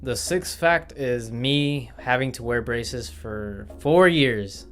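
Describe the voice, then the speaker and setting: A man's voice: medium pitch, slow, fairly bright tone. A young man from Milwaukee, chatting casually in a vlog about himself, rambling with lots of fillers and restarts. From Milwaukee, Wisconsin, USA. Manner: rambling, filler-heavy, self-correcting. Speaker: vlogger. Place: indoor room with studio lights. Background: faint background guitar music.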